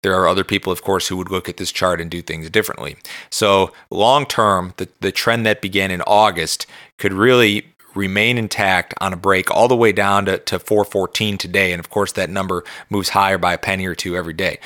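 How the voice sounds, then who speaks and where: A man's voice: sits low, brisk, sharp tone, no echo, studio quality. A man hosting a podcast, giving informal market chart commentary in a conversational, loosely phrased way. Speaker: podcast host and market analyst.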